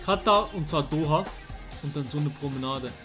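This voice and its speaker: A young man, talking casually to his chat while playing a guessing game, excitable and slangy. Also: on the high side, normal speed. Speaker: streamer. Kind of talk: casual gameplay commentary. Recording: faint music underneath.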